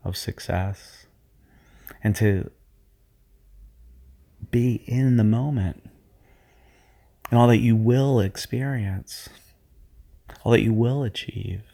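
A man leads a guided visualization for athletes in a calm, hypnotic cadence. His voice sits low and carries a noticeable vocal fry. His tone is mellow, and he sounds like a sports coach easing listeners into focus. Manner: slow, soothing, hypnotic delivery.

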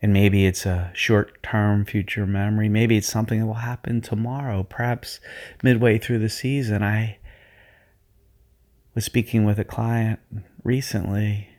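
A man working as a sports performance coach, leading athletes through a guided visualization in a slow, soothing, hypnotic way. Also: lowish voice, little pitch movement, a little mellow.

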